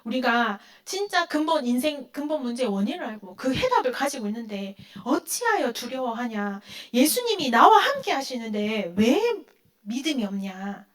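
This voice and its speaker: A sing-song, higher-pitched woman's voice moves at normal speed through a sermon for teenagers. She raises questions, responds to them herself, and gives quoted lines a dramatic performance.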